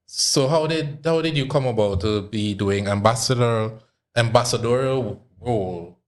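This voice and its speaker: A man hosting a casual interview, relaxed and encouraging, quick to laugh. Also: mid-range voice. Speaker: host.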